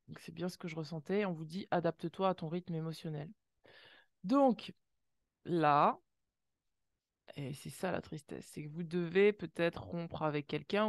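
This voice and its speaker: A woman's voice: sits low, dry recording, studio quality. Exclaiming woman reading oracle cards. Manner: exclamatory, lots of gasped wows and sound effects; speaks directly to viewers in warm second person. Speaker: oracle card reader. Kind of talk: intuitive card reading, channeling.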